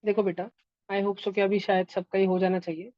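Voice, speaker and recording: A man's voice: sits high, flat delivery, normal speed, no room sound. Guy teaching math class, keeps asking if everyone gets it, muffled dry audio. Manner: patient, repeats steps and keeps checking if students follow. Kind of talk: classroom lesson to online and offline students.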